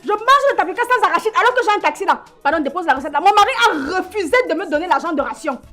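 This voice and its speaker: A woman's voice: very high-pitched, lively intonation, very fast, pushed and bright, faint music behind, exaggerated voice. A woman playing a nagging taxi owner. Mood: complaining. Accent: Cameroonian French. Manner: nagging, insistent, scolding. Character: exasperated woman taxi owner demanding her money. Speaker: comedy sketch actress. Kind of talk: sketch comedy acting.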